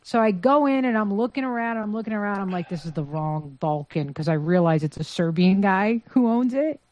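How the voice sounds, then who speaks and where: A woman's voice: medium pitch, lively intonation, a little fast, darkish tone, lo-fi sound. A woman comedian from Montenegro, telling stories with a wry, joking manner as a guest in a casual interview. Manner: wry storytelling with dry jokes.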